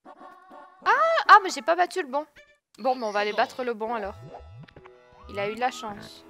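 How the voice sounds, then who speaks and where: A young woman talks through her gameplay in a high, bright voice, yelping when things go wrong and scolding the character on screen. Game music plays clearly underneath her commentary. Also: lively intonation, moderate pace. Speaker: let's play gamer. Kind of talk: excitable gaming commentary.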